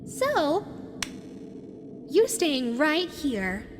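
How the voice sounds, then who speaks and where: Voicing a child-friendly animatronic fox who is sweet and teasing, a woman addresses the listener in intimate roleplay with an exaggerated, high voice whose pitch swoops wildly. She speaks very slowly, cooing playfully and coaxingly, then slipping into wistful thoughts. There is background noise, music, and a long hall-like echo.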